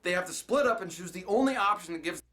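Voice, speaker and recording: A man's voice: high voice, expressive, quick pace, sharp tone. A man giving a sarcastic, exasperated scripted film review. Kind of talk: scripted comedic review narration.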